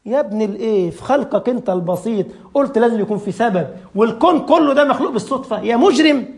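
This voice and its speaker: A man's voice: very high-pitched, animated, racing, creaky, a little mellow. A man with an Egyptian accent preaching a sermon, firing off rhetorical questions and acting out the people he argues against. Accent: Egyptian Arabic.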